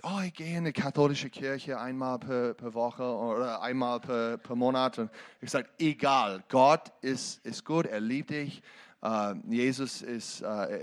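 Slow-speaking preacher, halting German. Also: male voice, fairly low pitch. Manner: halting non-native German, emphatic. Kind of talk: preaching with a testimony.

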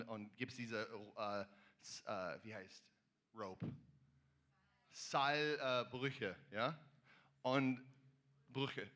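A male pastor preaching with enthusiasm and telling a joke. He talks haltingly, searching for words and sometimes slipping into English. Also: on the low side, fairly bright tone. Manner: enthusiastic, fervent. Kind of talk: sermon with a joke. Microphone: handheld or stand microphone.

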